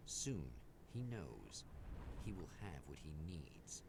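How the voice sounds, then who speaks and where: Casting: grave noir detective-style game narrator, low and portentous, wide melodic swings, noisy stream audio. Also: male voice, very animated, takes it slowly, gravelly, exaggerated voice. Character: grave mysterious male narrator of a noir thriller.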